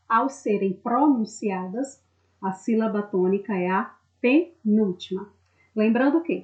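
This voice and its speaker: A woman's voice: mid-range voice, a little mellow. Patient woman teacher, lo-fi audio. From Brazil. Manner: patient, explains step by step with frequent check-ins; voices students' questions herself. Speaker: Portuguese teacher. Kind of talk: recorded online class lesson. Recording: slightly dull lo-fi audio.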